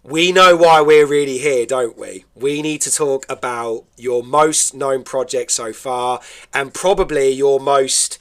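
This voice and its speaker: A man's voice: medium pitch, measured pace, fairly bright tone. A British man hosting a radio interview show, chatty and enthusiastic, often laughing.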